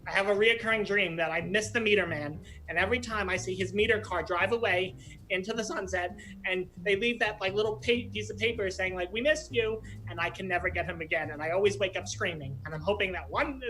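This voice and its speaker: Dude doing a burnt-out building manager rambling about it, bright voice, wry. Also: male voice, high-pitched, low-quality recording. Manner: rambling and wry, with slow drawn-out stretches. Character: weary man handing off a burdensome building-manager job. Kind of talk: improv comedy scene.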